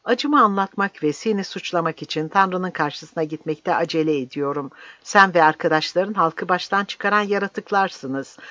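A reader voicing a fiery old village priest who shouts his defiance in an impassioned, declaiming way, on a dry, slightly dull recording. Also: mid-range voice, moderate pace, few pauses, no room sound, natural voice. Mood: defiant, shouting.

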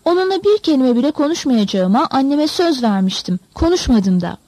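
A woman's voice: high-pitched, sing-song, fairly quick, mellow, dry recording. A woman reading a tearful, prim young boy. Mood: defensive. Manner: sobbing, defensive.

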